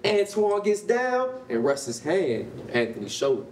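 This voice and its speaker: The narrator at this staged reading, an American man, reads the stage directions at a moderate pace in a high voice with big pitch swings. The recording, made in a concrete-walled rehearsal hall with a distant mic, is roomy with faint noise.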